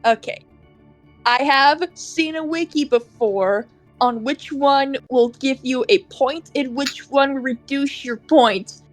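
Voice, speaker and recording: Slow-talking playful woman. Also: high-pitched, faint music behind, poor audio. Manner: playful, crude banter. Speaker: co-player reading narration.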